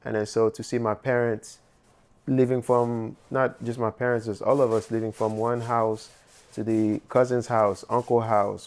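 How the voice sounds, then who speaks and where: With a darkish voice on the low side, a young painter from Haiti gives a reflective documentary interview full of fillers and loosely built phrases. He speaks with a Haitian accent, and Haitian Creole is his first language.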